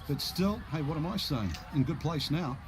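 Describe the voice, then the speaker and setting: A man's voice: a little high, expressive, moderate pace, slight background noise, lightly acted. A man giving conversational golf commentary as the analyst, with informal, reflective asides.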